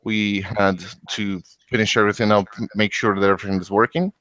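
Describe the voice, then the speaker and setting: A man hosting a casual political podcast. He reads out announcements and chats in a halting way, with many ums and restarts. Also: on the low side, fairly even intonation, a bit bright. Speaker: podcast host.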